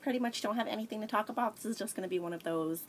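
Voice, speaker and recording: Here a vlogger in her thirties speaks in a mid-range voice at a rapid-fire clip, candidly rambling, restarting and sighing as she confides to a tablet camera held at arm's length. The setting is a small sunny room at home, with slight background noise.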